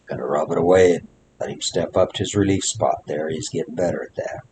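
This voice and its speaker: A man with a low, deep voice talks through his training work outdoors in the snow. He speaks plainly and keeps coming back to the same short coaching phrases. Faint wind noise sits behind him. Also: a little fast. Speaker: horse trainer. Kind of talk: instructional commentary while working a horse.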